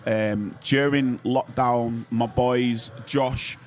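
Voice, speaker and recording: A man with a Bradford Yorkshire accent, a musician guest on a podcast, talking in an animated, slangy way and swearing casually. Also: medium pitch, very slow. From Yorkshire, England. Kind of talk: casual chat. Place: venue bar.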